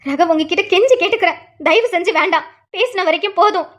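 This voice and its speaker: A woman's voice: very high-pitched, quick pace. A woman voicing a frightened young wife who pleads in a cartoon, on a dull lo-fi recording. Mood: pleading. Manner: pleading, fearful. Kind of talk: cartoon voice acting.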